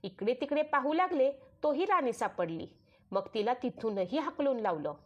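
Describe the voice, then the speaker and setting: A woman with a Marathi accent narrates a traditional devotional story. Her voice sits a little higher than most women's. She keeps a steady, sing-song storytelling rhythm and voices the quoted dialogue inside it. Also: moderate pace, highs cut off.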